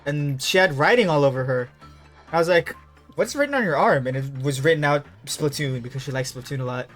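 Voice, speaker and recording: Young male streamer, loose and profane, mid-range voice, soft music under him. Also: medium pitch, a little fast. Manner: animated, profane, rambling anecdotes. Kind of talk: casual live-stream chat and storytelling.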